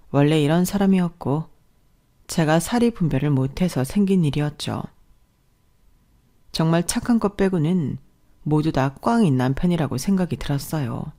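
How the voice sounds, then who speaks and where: A woman narrating a first-person family story in a calm, even reading voice. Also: deep voice.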